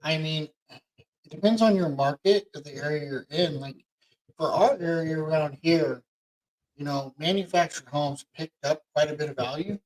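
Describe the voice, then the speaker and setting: A man's voice: fairly high pitch, moderate pace, poor audio. A middle-aged man co-hosting a casual podcast, speaking conversationally with frequent hesitations. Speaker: podcast co-host, mortgage lender.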